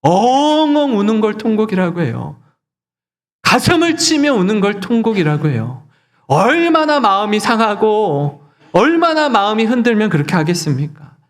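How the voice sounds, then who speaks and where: A man's voice: high-pitched, big pitch swings, normal speed. A male pastor preaching a sermon earnestly, putting rhetorical questions to his congregation.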